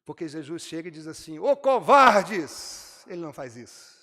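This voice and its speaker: A man's voice: a little high, fast talker, a little mellow, in a large hall. A man with a Brazilian Portuguese accent preaching a sermon to his congregation, acting out the characters' lines as he tells the story. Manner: addresses the congregation directly. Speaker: pastor. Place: church.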